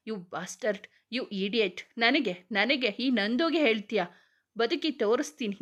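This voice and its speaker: A woman's voice: on the high side, fairly bright tone. A woman narrating a romance story, voicing every character herself with emotional, chatty delivery. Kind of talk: dramatic romance story reading.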